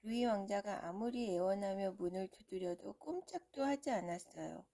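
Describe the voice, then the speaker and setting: A woman reads a children's storybook aloud, as if to a young child. Her voice is soft-edged and mellow, at a medium pitch, with noticeable creak. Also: normal speed. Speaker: storybook reader.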